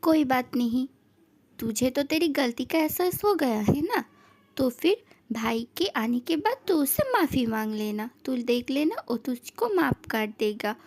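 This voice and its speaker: A woman's voice: high voice, animated, measured pace, darkish tone, exaggerated voice. A woman voicing a stern young man who scolds firmly but cares, in a fan-fiction story. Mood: scolding. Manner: firm, scolding.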